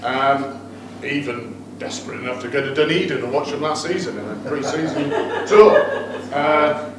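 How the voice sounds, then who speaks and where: A man's voice: on the high side, normal speed, crowd noise. Teasing father of the groom. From United Kingdom. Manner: teasing, joking, playful asides to guests. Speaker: father of the groom giving a wedding speech. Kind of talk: wedding toast speech. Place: wedding reception room with guests. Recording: very echoey room, far off, noisy.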